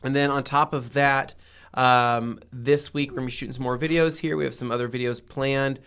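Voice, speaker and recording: A man's voice: mid-range voice, fairly even intonation, brisk, a bit bright, smooth. Laid-back man hosting a podcast. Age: 30s. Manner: laid-back, rambling with fillers. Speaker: podcast host. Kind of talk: casual podcast chat.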